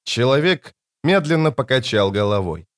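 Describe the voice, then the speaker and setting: Steady male audiobook narrator. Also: medium pitch, normal speed.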